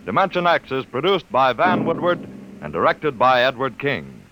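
A man's voice: medium pitch, very animated, moderate pace, music in the background, rough recording. A man reading credits as a 1950s radio announcer, on an old broadcast disc.

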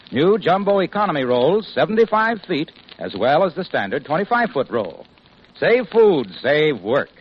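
A man's voice: a little high, breathy edge. A man announcing in a chipper, polished 1950s radio advertising style, with upbeat salesmanship. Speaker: radio show announcer and sponsor pitchman. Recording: dull, lo-fi vintage radio recording.

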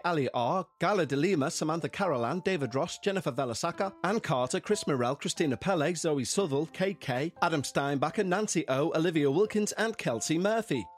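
A man hosting a podcast in a measured, polite, scripted way, speaking directly to listeners. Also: a little high. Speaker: podcast host. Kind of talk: scripted host narration for a paranormal podcast.

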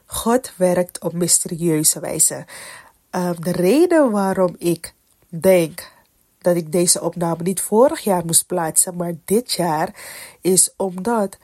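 Talking slowly in a warm, lowish voice, a podcast host recounts her personal faith in a casual, reflective storytelling style. She's alone on the show and clearly has a cold, sounding stuffy and congested; the recording is dry.

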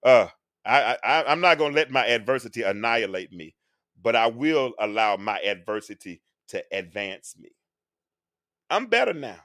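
Here a show host in his forties, interviewed on a live stream, talks at normal speed in a medium, slightly bright, sing-song voice. He sounds earnest, almost like a sermon, and now and then sings a phrase. The recording is dry and clean, studio-grade.

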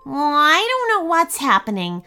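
A woman's voice: high voice, huge pitch swings, normal speed, sharp tone, soft background music, voice pushed up, exaggerated voice. A woman voicing a sensible young boy who is cautious and speaks in a worried, matter-of-fact way.

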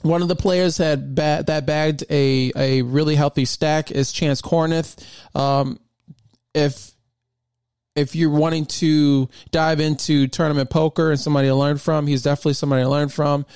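A man's voice: a little high, darkish tone, clear, resonant tone, no room sound, studio quality. A man hosting his own podcast, talking casually and enthusiastically, rambling with lots of fillers and restarts. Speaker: podcast host. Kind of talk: casual solo podcast talk.

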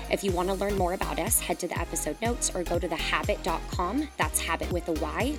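A woman delivers an upbeat scripted podcast intro with a promotional tone. Her voice is slightly low, and clear background music plays beneath her. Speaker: show intro announcer.

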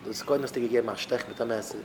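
Emphatic rabbi preaching over background noise. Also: male voice, mid-range voice, fairly even intonation, racing. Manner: emphatic, voice swelling loud on key words. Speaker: rabbi giving a talk to young married men.

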